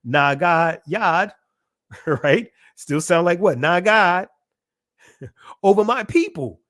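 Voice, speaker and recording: A man's voice: sits high, expressive, takes it slowly, fairly bright tone. A man giving a casual religious teaching talk, emphatic and repetitive, often asking rhetorical questions and laughing between points. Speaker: channel presenter.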